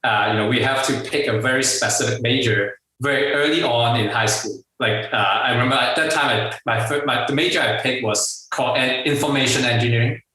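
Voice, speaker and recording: A middle-aged guest entrepreneur with a Hong Kong accent and a bright, forward, mid-range voice tells stories in a casual interview. His delivery is halting, packed with fillers and restarts, and he laughs a lot. He sits far from the mic in a room with a strong echo.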